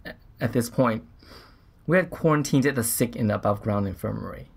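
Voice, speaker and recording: A male actor portrays a sincere, rattled scientist on a Mars mission, recalling what happened in a halting, reflective manner like a documentary interview. His mid-range voice carries vocal fry and a breathy edge.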